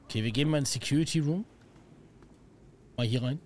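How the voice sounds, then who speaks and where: A young man commentating a horror game live, excitable and slangy, greeting viewers. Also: mid-range voice, fast talker, a little hiss or hum. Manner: excitable, slangy, yelps at scares. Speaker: gaming streamer. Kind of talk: let's play commentary.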